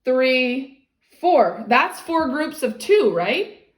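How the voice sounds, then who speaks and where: A woman's voice: high-pitched, big pitch swings, very slow. A woman tutoring a child one-on-one, explaining step by step in an encouraging way and often checking for understanding. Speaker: maths teacher tutoring a child. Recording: echoey, roomy sound.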